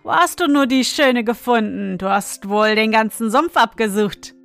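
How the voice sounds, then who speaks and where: Scornful elder brothers from a fairy tale taunt loudly and mockingly, as a woman reads them out. The voice stays fairly high, with faint music behind. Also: normal speed, creaky.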